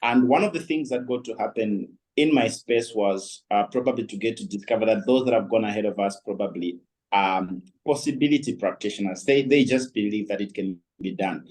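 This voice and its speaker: A man's voice: lowish voice, a little fast, a little mellow, poor audio. A man speaking as a guest on a leadership panel, reflective and talking with many fillers. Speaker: guest speaker, company founder. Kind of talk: panel discussion.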